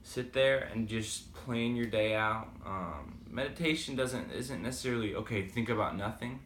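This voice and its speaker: A vlogger with a slight Boston accent gives a casual motivational talk to camera, rambling with lots of fillers. His mid-range voice is a bit bright and reverberant at normal speed, with slight background noise.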